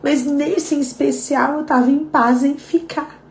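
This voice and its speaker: A woman's voice: high-pitched, steady tone, unhurried. Brazilian woman leading a heartfelt devotional. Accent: Brazilian Portuguese. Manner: heartfelt, chatty, addresses listeners directly. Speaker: devotional leader. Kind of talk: live devotional talk. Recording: echoey room.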